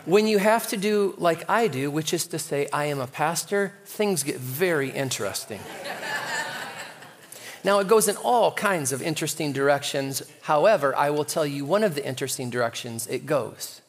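A man's voice: on the high side, expressive, normal speed. A male pastor preaching a sermon in a conversational way, with light humor.

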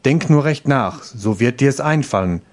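A man's voice: medium pitch, lively intonation, measured pace, natural voice. A cheeky, greedy soldier from an old fairy tale, put on by a male reader. He talks in a brash, wheedling way. It stays near an everyday man's voice in a storybook reading. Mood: coaxing.

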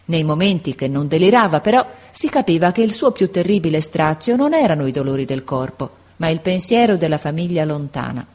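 Brief: woman narrator, lower voice, expressive measured storybook reading.

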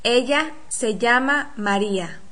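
A woman leads a pronunciation drill, speaking model sentences with deliberate care. Her pace is very slow, her voice bright and a little high, leaving plenty of room for the listener to repeat after her. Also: lively intonation. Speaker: language teacher.

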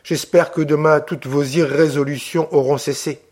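Impatient, mocking official man, read by a male narrator, moderately high voice. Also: steady tone, moderate pace, a little mellow, natural voice. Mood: condescending. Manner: impatient, condescending.

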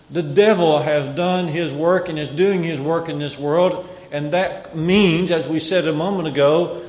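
A man's voice: a little high, a little mellow. Man preaching in an echoey hall. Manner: measured, emphatic, repeats key phrases. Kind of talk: Bible sermon. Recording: echoey hall with long reverb.

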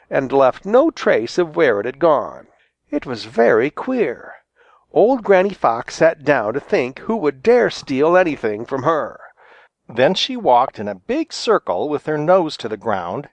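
A man reading a children's storybook aloud with a lively, expressive delivery. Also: a little high, dry recording. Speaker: volunteer audiobook reader. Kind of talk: storybook narration.

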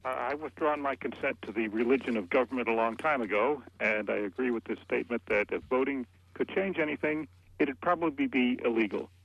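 A man calling into a radio show, speaking quickly and defiantly. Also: mid-range voice, vocal fry. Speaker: caller. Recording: dull phone line.

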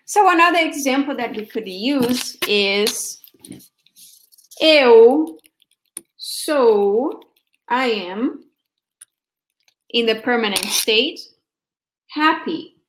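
This Portuguese teacher from Brazil has a fairly high, expressive voice and a Brazilian Portuguese accent. Running a sample lesson, she goes slowly and patiently, frequently checking in with "okay?" The recording is low quality, with a little hiss or hum.

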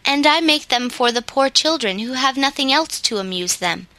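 A woman doing a gentle, kindly toymaker. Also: high voice, lively intonation, normal speed, dry recording. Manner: gentle, thoughtful.

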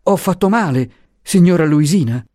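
A man's voice: fairly high pitch, big pitch swings, measured pace, a little mellow, no echo, clean studio sound, pitched above the performer's own voice. A man voicing a timid, kindly male professor who pleads anxiously and repeats himself. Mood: frightened.

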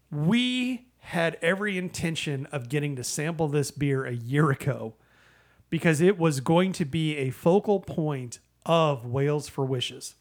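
A man who co-hosts a podcast, giving a casual, rambling and halting review in a conversational style. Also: on the high side. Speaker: podcast co-host, beer reviewer. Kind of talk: casual beer review chat.

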